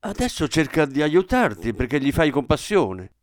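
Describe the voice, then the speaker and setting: A man voicing a sharp-tongued, practical middle-aged wife in a dramatic radio reading. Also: a little high, big pitch swings, moderate pace, dry recording, clean studio sound, voice pushed up. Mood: sharp nagging. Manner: curt and irritated.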